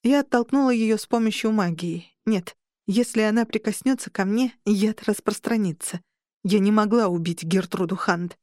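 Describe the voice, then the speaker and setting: A woman narrating an audiobook in the first person, with measured, tense storytelling. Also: mid-range voice, mellow, no echo, clean studio sound.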